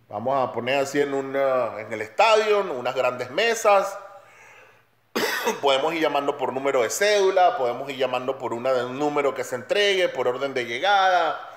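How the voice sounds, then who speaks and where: Blunt man ranting in an echoey room. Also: on the high side. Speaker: commentator. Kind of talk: opinionated monologue. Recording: roomy echo.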